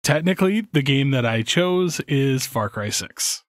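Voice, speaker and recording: A man's voice: mid-range voice, expressive, a little slow, no echo, studio quality. A man co-hosting a gaming podcast, talking in a laid-back, hesitant way. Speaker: podcast co-host. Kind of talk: casual podcast chat.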